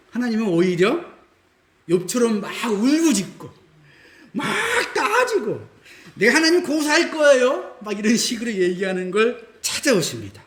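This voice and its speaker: Guy teaching bible class, real animated, talks right at you, echoey room. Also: high voice. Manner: emphatic, dramatizes quotes, addresses audience directly. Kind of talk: animated lecture.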